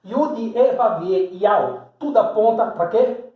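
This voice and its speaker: Man, high voice, teaching preacher who points at a board and asks rhetorical questions, roomy echo. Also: slow pace, narrow, tinny audio. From Salvador, Bahia, Brazil. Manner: explains step by step, points at drawings, rhetorical questions. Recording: echoey room.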